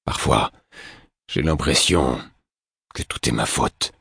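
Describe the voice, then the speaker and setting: A man narrator voicing a weary, grieving older stable master, hoarse and heavy-hearted, speaking slowly in low murmurs. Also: fairly even intonation, fairly bright tone, no room sound, clean studio sound, full character voice. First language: French.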